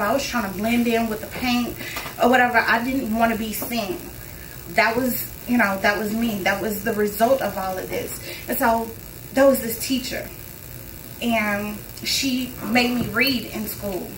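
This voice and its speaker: A young woman with a fairly high voice talks to a concert crowd in a loose, conversational way, circling back to key phrases. She is picked up from a distance in a roomy live space, with faint room ambience under her. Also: steady tone, moderate pace, fairly bright tone, a little hiss or hum. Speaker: spoken word performer. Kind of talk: storytelling on stage before a performance. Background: faint audience ambience.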